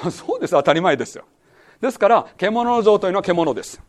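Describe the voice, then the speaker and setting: A man's voice: high voice, expressive, moderate pace. A man teaching a Bible lesson as pastor, quizzing his listeners and repeating key words. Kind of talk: sermon-style Bible lesson.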